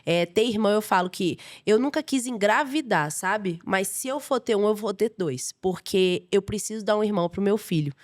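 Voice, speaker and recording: A young adult Brazilian woman with a Brazilian Portuguese accent, a guest chef telling lively, emotional stories in a casual podcast interview. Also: medium pitch, moderate pace, few pauses. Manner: lively, emotional storyteller, laughs often.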